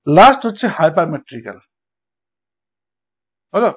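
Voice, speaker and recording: A man with a Bengali accent gives an online lesson on verse meter. His voice sits high, and he keeps asking his students whether they follow. The recording sounds dull and lo-fi. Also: big pitch swings, moderate pace, slightly rough. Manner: patient, checks understanding with frequent "okay?". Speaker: English literature tutor.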